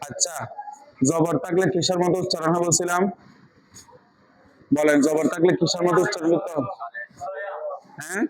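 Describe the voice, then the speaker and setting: A man's voice: on the high side, flat delivery, normal speed, pauses often, a crowd in the background, low-quality recording. A man teaching Quran reading in a class, quizzing students patiently with repeated questions. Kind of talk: online class lesson.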